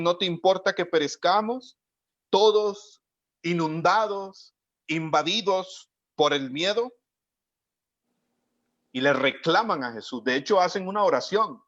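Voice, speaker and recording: A man preaching a sermon in an earnest way, slowing down to stress key words and acting out the lines he quotes. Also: a little high, fairly bright tone. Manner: acts out the quoted lines of the scripture. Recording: dry, dull lo-fi audio.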